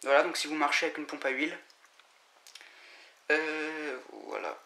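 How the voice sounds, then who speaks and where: A man giving a casual, halting unboxing commentary, full of fillers and restarts. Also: on the high side, fairly even intonation. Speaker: vlogger unboxing scooter parts. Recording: echoey room with loud noise and crinkling.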